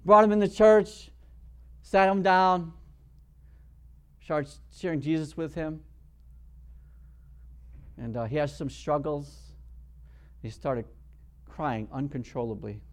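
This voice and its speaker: A man preaching a sermon as pastor, acting out quotes and swinging between quiet storytelling and loud bursts, often repeating words as he restarts. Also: on the high side, slow pace, pauses often.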